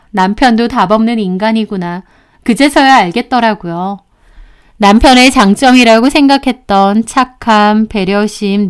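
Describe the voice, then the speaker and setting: Woman, first-person story narration, indignant, emphatic, somewhat high voice. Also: clean tone.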